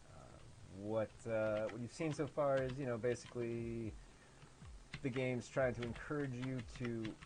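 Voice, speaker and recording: Against background noise, a man with a fairly low, nasal voice and an American Midwest accent narrates gameplay of his own game. As its developer, he keeps up a sarcastic, profane, self-deprecating running commentary.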